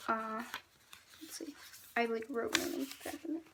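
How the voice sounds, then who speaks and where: Young female vlogger, higher-pitched with vocal fry, reading aloud with embarrassment, casual and halting, slightly noisy recording. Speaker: vlogger reading own diaries.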